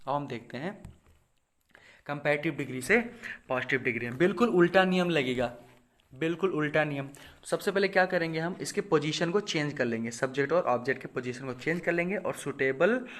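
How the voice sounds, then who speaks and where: A man from India teaching English grammar to viewers, asking questions and answering them himself, reading example sentences out slowly. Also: fairly high pitch, a bit bright. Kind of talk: explaining grammar rules to viewers.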